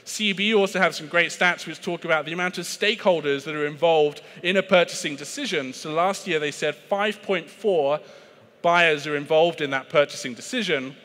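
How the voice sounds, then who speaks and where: A British man gives a chatty, self-deprecating conference keynote on sales, peppering it with fillers and restarts. His voice is a little high and fairly bright, at a moderate pace, and the large conference hall makes the recording reverberant.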